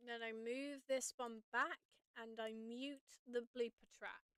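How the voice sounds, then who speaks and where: On a live stream, a woman teaches audio editing in a casual, chatty way, thinking out loud as she goes. Her higher-pitched voice is slightly raspy yet smooth, fairly bright, steady and unhurried. The recording is dry and close, with no echo.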